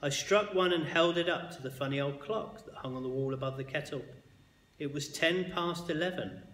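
Male reader, bedtime story, expressive with hushed moments; slightly high voice, roomy echoing hall. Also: moderate pace, slight background noise. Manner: expressive, with hushed quiet passages. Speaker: reader of a children's book. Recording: echoey hall with long reverb.

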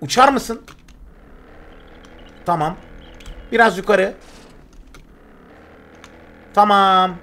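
A young man streaming a survival game live, chatting with viewers and yelping in excitable bursts of panic as he plays. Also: high-pitched, drawn-out words, pauses often. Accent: Turkish. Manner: excitable, yelps and repeats words when panicking. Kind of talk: live gameplay commentary.

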